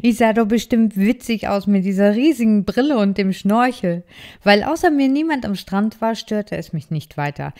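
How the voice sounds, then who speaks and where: A woman reading a children's story aloud in a gentle, expressive storytelling manner. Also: mid-range voice. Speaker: story reader.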